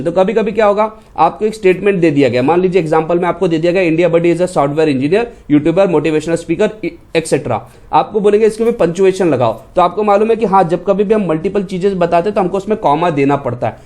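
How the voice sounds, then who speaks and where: A man teaching an exam-prep lecture, explaining patiently and reading example sentences slowly. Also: high voice, mellow.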